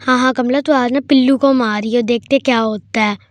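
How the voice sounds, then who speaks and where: A woman's voice: fairly even intonation, normal speed, dry recording, lightly acted. A woman voicing a lazy, forgetful young man who plays the sidekick in a horror game. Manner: lower, lazy agreeable replies.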